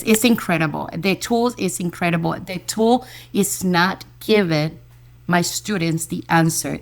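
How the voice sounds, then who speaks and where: A woman elementary school teacher, a guest in an interview, telling a story in a lively, enthusiastic way and repeating words as she goes. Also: lowish voice. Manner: lively storyteller who acts out quoted dialogue.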